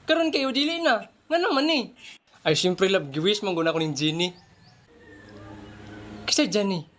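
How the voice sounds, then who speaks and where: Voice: medium pitch, a bit bright, a little hiss or hum. Skit maker flipping between voices. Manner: switches between put-on voices. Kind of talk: one-person comedy skit, playing several parts.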